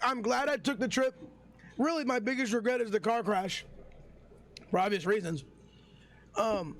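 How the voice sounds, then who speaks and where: Young man, high voice, hoarse, heated streamer rant, lots of swearing, talks to chat. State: hoarse from yelling.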